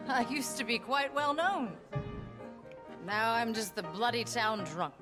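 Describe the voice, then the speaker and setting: An actress playing a jaded, bawdy town drunk in a Western video game, with a British accent and a theatrical, sardonic, drunken delivery. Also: female voice, fairly high pitch, slow pace, music in the background. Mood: boozy self-mockery. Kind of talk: video game character acting.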